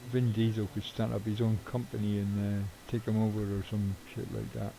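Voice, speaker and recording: A man's voice: on the low side, level tone, moderate pace, creaky, background noise. A middle-aged man streaming a game, chatting casually in a rambling way with offhand swearing. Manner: rambling, swears casually, chuckles at own jokes. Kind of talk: casual live-stream chat while gaming.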